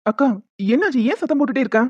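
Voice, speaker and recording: A woman's voice: sits high, expressive, rapid-fire, darkish tone, no echo, highs cut off. A woman voicing a teasing young man in a cartoon who banters with amusement. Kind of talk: animated cartoon voice acting.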